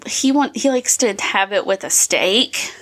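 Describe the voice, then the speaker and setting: A woman with a Southern American accent, co-hosting a casual podcast and chatting in an animated, storytelling way. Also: mid-range voice, a little slow. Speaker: podcast co-host. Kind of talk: casual chat.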